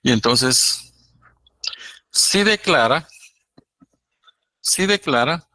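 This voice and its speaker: Law professor with a bright voice. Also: male voice, medium pitch, lively intonation, dry recording. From Guatemala. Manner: explains slowly, acts out courtroom exchanges. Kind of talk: university lecture.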